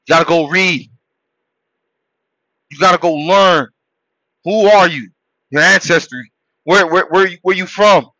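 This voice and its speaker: A Haitian-born podcast host delivers a motivational monologue, preaching in a high, bright, forceful voice that shouts some points and sinks to a low murmur on others. He speaks a little slowly with long pauses, and the recording is dull and dry with no room sound.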